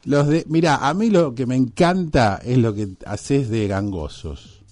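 A radio host with an Argentine accent speaks at an ordinary middle pitch. He is effusive and stretches out his phrases as he thanks and prods his guest. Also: lively intonation, unhurried, darkish tone, no echo, soft background music. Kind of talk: radio interview.

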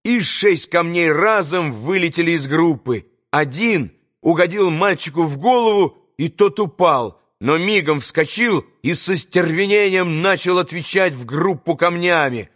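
A man narrating a classic novel as an audiobook reader, measured and expressive. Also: on the high side.

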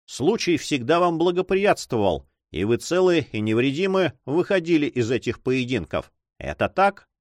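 Guy narrator doing a gloomy young man, slow and calm, set on a duel, dry close mic. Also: on the high side, no echo. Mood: resolute. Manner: slow, gloomy, calmly resolute. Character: grim young man issuing a duel challenge.

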